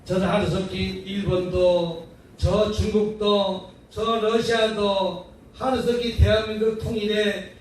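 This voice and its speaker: A man's voice: high voice, little pitch movement, takes it slowly. A male pastor preaching a revival sermon in a prayer house hall, speaking in a folksy way with rhetorical questions and call-and-response lines that draw answers from the congregation. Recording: very echoey hall, distant mic, faint noise.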